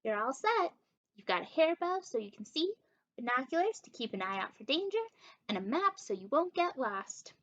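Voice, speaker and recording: A woman voicing a bossy, helpful, self-assured female sheep in a picture book, briskly giving instructions. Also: sits high, very animated, highs cut off. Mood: brisk, satisfied. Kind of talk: children's picture book read-aloud.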